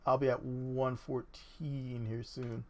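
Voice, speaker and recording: A man chatting casually while playing an online game with a friend, upbeat and quick to laugh. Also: mid-range voice, background noise. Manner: upbeat, laughs often, excitable. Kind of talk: casual gaming chat.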